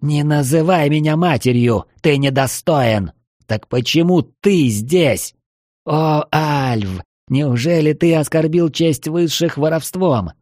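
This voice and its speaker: A man's voice: a little high, takes it slowly, a little mellow, dry recording, clean studio sound, pitched above the performer's own voice. A man putting on a scornful elf matriarch. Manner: hissing, scornful. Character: fierce proud elderly elf woman prisoner.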